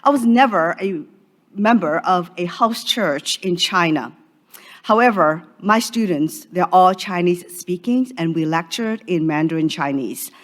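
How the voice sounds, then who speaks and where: A woman's voice: on the low side, lively intonation, measured pace. Formal woman presenting a paper. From Hong Kong. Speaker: conference speaker. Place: conference session room.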